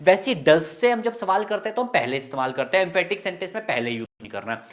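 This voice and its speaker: A man teaching English grammar in a casual, emphatic lesson. He repeats key points as quick questions and slips in jokey asides. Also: sits high, lively intonation.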